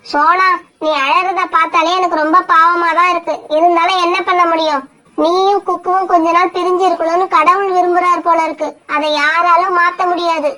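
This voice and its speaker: A woman's voice: very high voice, little pitch movement, brisk, sharp tone. A woman voicing a caring older sister sparrow in a cartoon, soothing and concerned. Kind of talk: cartoon voice acting.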